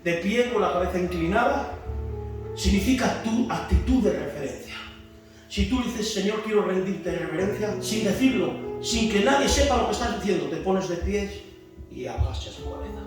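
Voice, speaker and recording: High-voiced Spanish preacher, echoey hall. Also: male voice, lively intonation, moderate pace. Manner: preaching with rhetorical questions, rising to shouts. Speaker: pastor teaching a discipleship class. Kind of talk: sermon. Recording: echoey church hall from far off, music behind.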